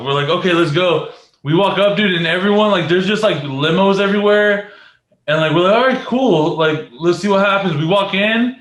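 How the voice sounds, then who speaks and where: A man's voice: fairly high pitch, fairly bright tone, reverberant. A man co-hosting a podcast, telling a long story in casual chat, full of fillers and restarts. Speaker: podcast co-host.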